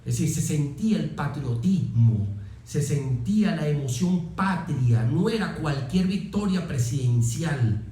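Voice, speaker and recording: A middle-aged Venezuelan man who serves as a military officer tells personal stories emphatically during an interview, frequently repeating himself in a conversational manner. His fairly high voice is mellow and animated, a little slow. Heavy echo fills the room.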